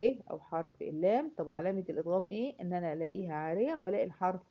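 A woman with an Egyptian accent teaching a Quran recitation class, patiently asking and answering her own questions and repeating each example slowly. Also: fairly low pitch, animated. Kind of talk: classroom lesson. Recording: dull lo-fi recording.

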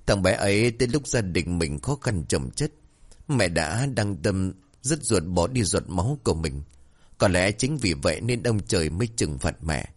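A man's voice: deep voice, lively intonation, normal speed. A man voicing a guilt-ridden older mother who speaks in a trembling, sorrowful way. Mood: grieving.

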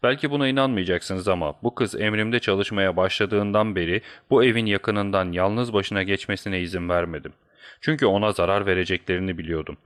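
A man's voice: on the low side, fairly bright tone, no echo, clean studio sound, close to an everyday voice. A man doing a heated, desperate young man.

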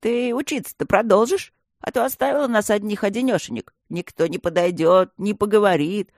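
A man voicing a jolly, teasing male stone gargoyle who banters loudly in an audiobook. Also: high voice, fairly quick, no room sound, studio quality, pitched above the performer's own voice. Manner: loud, bantering, cheeky.

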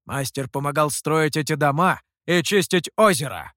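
A man's voice: on the high side, normal speed, a bit bright, no echo, clean studio sound, lightly acted. A reader voicing a stubborn male monkey lord who talks in a pompous, insistent, raised voice.

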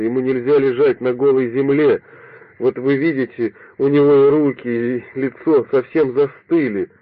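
A man's voice: medium pitch, no room sound. A man reading an audiobook voices a middle-aged mother in frantic, pleading disbelief, on a dry, phone-like recording. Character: distraught grieving mother, middle-aged woman. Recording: dry, phone-like narrow sound.

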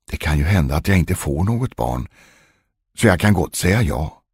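A man's voice: low voice, expressive, slightly rough, dry recording, clean studio sound, heavily acted. A man reading a storybook, voicing a desperate young queen who pleads and guesses. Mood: hesitant. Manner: pleading, imploring.

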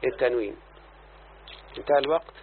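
A man's voice: medium pitch, fairly quick. An Egyptian man teaches grammar, explaining verses line by line and checking that his student follows. The sound is tinny and phone-like with a faint hiss behind it. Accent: Egyptian Arabic. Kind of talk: classroom lesson on grammar.

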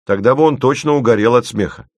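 A man's voice: mid-range voice, fast, no echo, voice pushed up, natural voice. A man reading an audiobook, voicing a theatrical know-it-all male colleague who lectures emphatically. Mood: lecturing.

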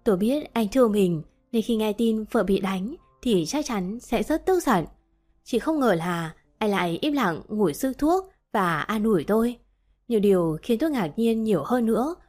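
A young adult woman narrating a romance story in the first person, in an even, gentle way. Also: medium pitch, normal speed. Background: faint background music.

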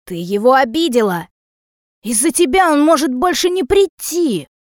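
A woman reading an audiobook, voicing a drunk, furious mother who shouts and scolds. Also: lively intonation, no echo, studio quality. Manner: shrill, drawn-out shouting.

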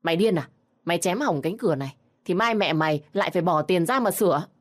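Harsh, berating old mother-in-law in a storybook, read by a woman with a low voice. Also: lively intonation, moderate pace, natural voice. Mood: snapping. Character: shrill scolding elderly mother-in-law.

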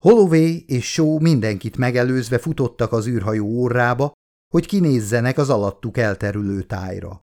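A man from Hungary narrates his own audiobook at a middling pitch. He reads the prose steadily and raises his voice when he plays the characters' lines. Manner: acts out crew dialogue with raised pitch and excitement.

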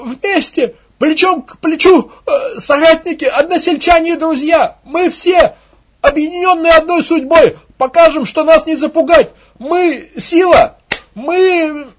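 A man's voice: very high-pitched, a little slow, pitched above the performer's own voice. A man voicing a frenzied male propagandist who whips a crowd into chanting, his voice climbing to a screech. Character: shrieking male rabble-rousing propagandist.

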